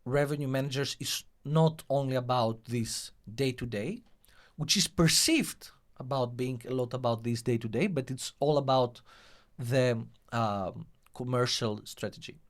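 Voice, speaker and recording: A man's voice: mid-range voice, a little slow. Greek-accented man explaining in an interview. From Greece. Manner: explanatory, uses rhetorical questions. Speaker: interview guest, hotelier and revenue technology professional. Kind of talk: conversational interview.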